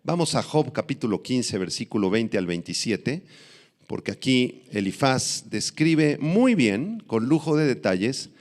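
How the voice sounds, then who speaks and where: A middle-aged male pastor preaching a Bible-teaching sermon, stressing and repeating key phrases and slowly spelling out old words. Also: mid-range voice, big pitch swings, darkish tone. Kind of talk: expository sermon.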